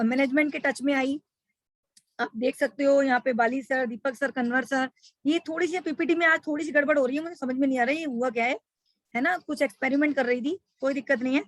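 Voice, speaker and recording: A woman's voice: sits high, a bit bright, no room sound. A middle-aged woman giving a motivational webinar talk, telling her story with emotion and speaking straight to her listeners as friends.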